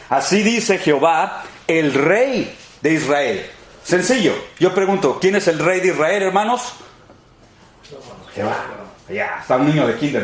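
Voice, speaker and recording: A man giving an emphatic, repetitive sermon-style Bible class in a church sanctuary. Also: fairly high pitch. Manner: emphatic, repetitive, addresses listeners as brothers and friends. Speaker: pastor teaching a Bible class. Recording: echoey church room.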